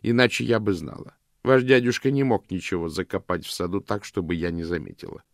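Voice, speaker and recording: A man's voice: low-pitched, steady tone, fairly quick, creaky, no room sound, studio quality. A man voicing a stern, gloomy older housekeeper who grumbles mournfully, in an audiobook reading. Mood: grumbling.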